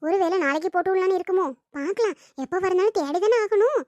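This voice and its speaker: A woman's voice: very high voice, fast, a little mellow. A woman voicing a scheming, gossiping village woman in a cartoon drama, talking in a sly, conspiratorial way. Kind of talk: cartoon family drama dubbing.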